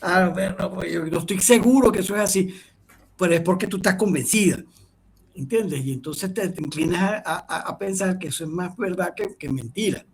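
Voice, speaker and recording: A man's voice: high-pitched, moderate pace, husky. A middle-aged man giving an online class, rambling with many restarts and checking in with "ok?". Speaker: lecturer.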